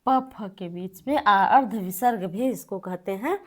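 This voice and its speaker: A woman's voice: medium pitch, a little slow, a bit bright. A woman teaching Sanskrit sounds, reciting and repeating terms while writing on the board.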